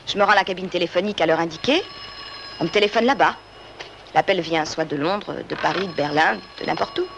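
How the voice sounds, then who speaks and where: An actress playing a defiant, evasive young runaway daughter in a 1970s film drama. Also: female voice, on the low side, brisk, vocal fry. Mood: confessing, earnest. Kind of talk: 1970s French-language film drama acting. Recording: faintly noisy old film soundtrack.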